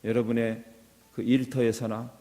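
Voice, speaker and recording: A man's voice: mid-range voice, flat delivery, unhurried, dark tone. A middle-aged man preaching a sermon as a pastor, earnest and building to impassioned appeals. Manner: earnest, rising to impassioned exhortation. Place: church sanctuary. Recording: reverberant church hall.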